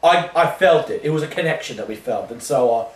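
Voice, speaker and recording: A man's voice: medium pitch, brisk, close to an everyday voice. A man playing a rambling washed-up rock singer. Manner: rambling, deadpan absurd tangents, swearing. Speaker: interviewee in a mock documentary. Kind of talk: improvised mock interview. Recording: roomy sound from a distant mic.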